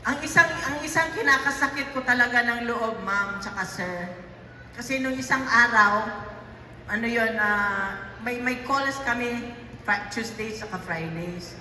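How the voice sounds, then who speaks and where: A middle-aged woman giving a tearful personal speech to a gathering, halting often and restarting her sentences. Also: on the high side, bright, forceful tone, far from the mic, slight background noise. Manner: halting, with many restarts and fillers. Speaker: speaker addressing a gathering. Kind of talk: emotional personal storytelling speech. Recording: echoey hall, voice picked up from afar.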